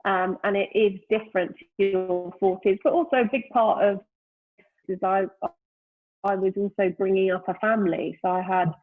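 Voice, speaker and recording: A woman's voice: mid-range voice, fairly even intonation, moderate pace, soft background music. A woman in her fifties, a guest in a casual interview, talks thoughtfully and often searches for words with "you know.". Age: 50s. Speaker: guest, brand founder. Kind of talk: reflective casual conversation. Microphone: remote call during lockdown. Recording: tinny phone-like call line.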